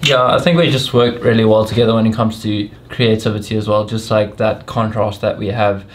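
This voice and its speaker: In a casual couple Q&A, a young male vlogger answers viewer questions alongside his girlfriend, relaxed and rambling a little while laughing often. He speaks in a lowish voice, a little fast, against slight background noise.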